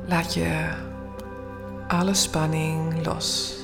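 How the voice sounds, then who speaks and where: A woman leading a guided bedtime meditation in a soothing, hushed, often near-whispered voice with long pauses. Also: low voice, level tone, creaky, music in the background. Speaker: guided relaxation instructor.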